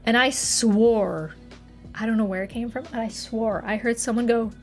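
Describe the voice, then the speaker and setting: Chatting with her live viewers from her apartment, a young Massachusetts woman giggles and lets sentences trail off. She speaks at a moderate pace in a slightly high, steady voice, with faint background music.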